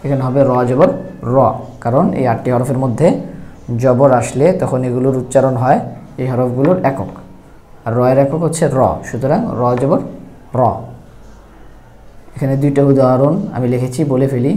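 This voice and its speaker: A man's voice: medium pitch, fairly even intonation, brisk, dark tone. A man teaching Quran reading, spelling each letter and vowel mark aloud one at a time and then joining them into whole words. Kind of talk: slow spelled-out recitation lesson.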